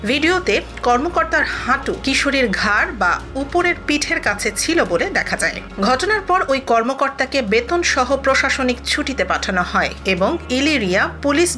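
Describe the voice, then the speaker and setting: Female news reporter, slightly high and forceful, delivering scripted narration over music.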